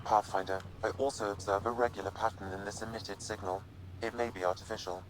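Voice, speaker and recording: A calm, precise AI assistant, voiced by a man in a video game, formal and unemotional. The voice is fairly low, with clear ambient noise behind it. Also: fast, natural voice. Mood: calm, analytical. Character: calm, precise male artificial intelligence assistant.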